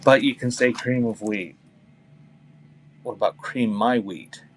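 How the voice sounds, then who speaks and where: An unhurried man with a medium-pitched voice hosts a casual live sale, reading out items and filling the gaps with rambling, wry banter with the chat. Background noise can be clearly heard.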